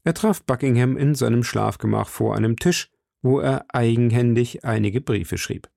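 Creaky-voiced man reading a novel aloud. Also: medium pitch, no room sound, studio quality. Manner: measured, steady narration. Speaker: audiobook narrator.

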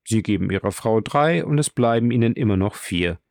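A man's voice: lowish voice, expressive, brisk, creaky, darkish tone, no room sound. A casual, ironic young official, as a male narrator reads him, tossing off remarks in an offhand way. The audiobook sound is dry and close. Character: nonchalant young government secretary, ironic.

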